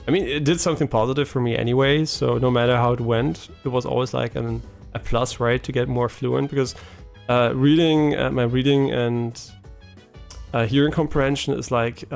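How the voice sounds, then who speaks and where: A medium-pitched, gravelly gaming streamer rambles casually on a live stream, full of ums and restarts and always asking "right?". German is his first language; he comes from a German-speaking background and is half French.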